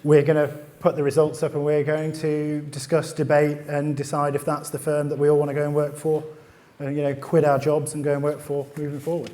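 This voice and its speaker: A man's voice: on the high side, monotone, brisk, dark tone. Dry, easygoing man co-hosting on stage. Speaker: co-host. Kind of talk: live conference presenting. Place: conference room with live audience.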